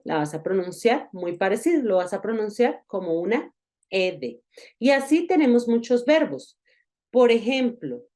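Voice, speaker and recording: Slow, patient woman teaching a lesson. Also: medium pitch, a little mellow. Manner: patient, explanatory, repeats example words slowly. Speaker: English teacher. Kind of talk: recorded online lesson.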